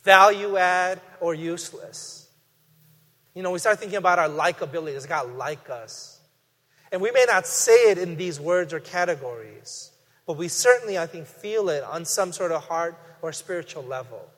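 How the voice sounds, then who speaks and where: A middle-aged man preaching a guest sermon in a conversational, animated way, with emphatic rises. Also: fairly high pitch, normal speed. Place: church sanctuary. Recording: reverberant hall.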